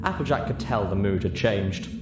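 A man with a lowish voice reads a scripted story aloud at a moderate pace as an audiobook narrator. The recording is roomy with echo, and music plays behind him.

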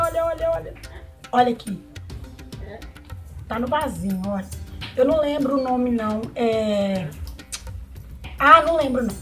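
A Brazilian woman showing off plants she received, gushing with excited exclamations as she talks casually to her viewers. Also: high-pitched. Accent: Brazilian Portuguese. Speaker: plant vlogger. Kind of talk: casual unboxing chat.

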